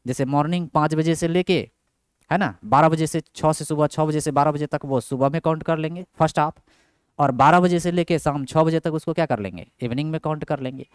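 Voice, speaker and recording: A man's voice: a little high, a little fast, clear, resonant tone, dry recording, studio quality. A young man teaching a grammar class, who keeps asking his own questions and answering them. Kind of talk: Hindi grammar lesson with English terms.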